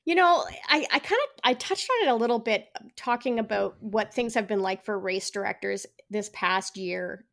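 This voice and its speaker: Woman podcast guest, bright and forceful voice, chatty storyteller, dry close sound. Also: normal speed, vocal fry, hardly any pauses, dry recording. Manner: animated storyteller, acts out quotes with big pitch jumps, many "like" fillers. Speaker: podcast guest and running podcast host. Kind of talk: casual podcast interview.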